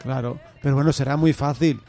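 A man trading dry, deadpan quips in a casual podcast chat. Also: medium pitch, brisk, creaky, faint music behind.

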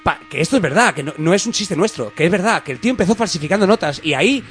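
A man co-hosting a comedy radio show, playful, slangy and animated, acting out scenes as he talks. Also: sits high, very fast, faint music behind.

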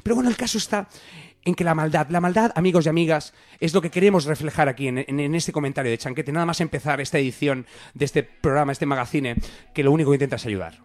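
A man's voice: fairly high pitch, quick pace, dry recording. A man from co-hosting a comedy radio magazine, rambling in a mock-serious, ironic way. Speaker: radio show co-host.

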